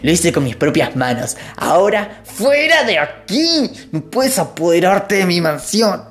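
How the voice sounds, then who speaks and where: A storyteller voicing a stubborn grown brother who guards his hut and answers in a high, defiant, drawn-out voice. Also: very animated, faint music behind.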